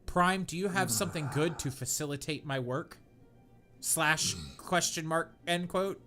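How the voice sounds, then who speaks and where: Music plays behind a man with a fairly high voice who reads a bit slowly. He's a podcast host doing a comic read-aloud of bad fan fiction, tripping over the awkward writing, breaking into laughter and adding mocking, disbelieving asides.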